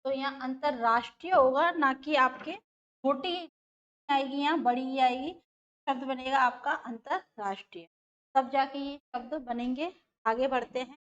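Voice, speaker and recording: A woman's voice: sits high, a little slow, a bit bright, lo-fi sound. A woman teacher giving an exam-prep grammar lesson, explaining step by step, repeating terms and putting questions to her students.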